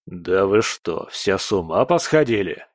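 A blustering older emperor, as a man puts him on, low and deliberately slow. He grumbles in a fussy, imperious way from a storybook reading. The sound is close and dry. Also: sing-song, dry recording, full character voice. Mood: exasperated.

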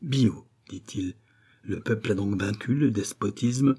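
A resolute middle-aged doctor, measured and commanding, read by a man in a dark, husky voice. He speaks with a fairly low, steady authority in an audiobook. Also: full character voice.

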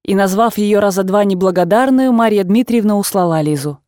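A woman reading a classic novel as an audiobook narrator, in a measured, expressive way. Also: mid-range voice, no room sound, studio quality.

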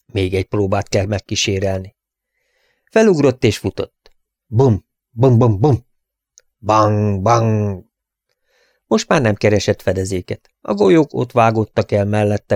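A man narrates an adventure novel with brisk, dramatic pacing in a low, steady voice. He sits close to the mic, and the sound is dry with no room echo. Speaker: audiobook narrator.

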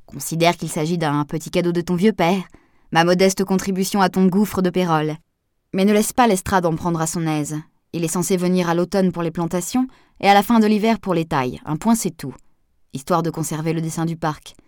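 A woman reading an audiobook, voicing an affectionate but hurried older father on the phone. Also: on the low side, darkish tone, dry recording, studio quality, lightly acted. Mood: offhand. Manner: offhand, hurried, fond.

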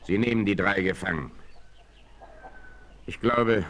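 An actor playing a bold, commanding frontier hero in a 1960s German radio play, declaiming with resolve. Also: male voice, on the low side, unhurried, a crowd in the background, close to an everyday voice. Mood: tense, watchful. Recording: 1968 vinyl radio play, noisy.

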